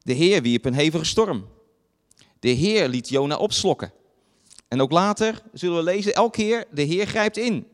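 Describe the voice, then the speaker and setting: A man preaching a sermon, retelling a Bible story and acting out the voices in it, with fillers and pauses. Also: a little high, animated, in a large hall. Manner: dramatizes quoted voices, pausing with fillers.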